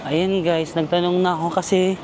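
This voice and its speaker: A man's voice: sits high, level tone, moderate pace, background noise. A man with a Filipino accent chatting in a casual travel vlog while walking outdoors at night, self-mocking and laughing often. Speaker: travel vlogger. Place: outdoors in a city park at night.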